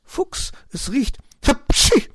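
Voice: mid-range voice, animated, a little slow, no room sound, clean studio sound, pitched above the performer's own voice. A man voicing a kind tomcat who keeps sneezing and slips meows into his speech. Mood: sniffly, friendly. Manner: meows between words, sneezes.

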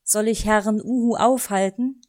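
A woman voicing a fussy, strict male raven who talks stiffly and formally and ends his sentences with a croak. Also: mid-range voice, steady tone, unhurried, darkish tone, lightly acted. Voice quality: croaks a "gra" at line ends.

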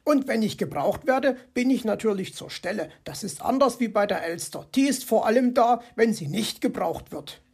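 A woman's voice: a little high, expressive, normal speed, hardly any pauses, darkish tone, breathy edge, voice pushed up. A woman voicing a clever, cheerful male fox in a storybook reading, with a teasing manner. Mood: smug.

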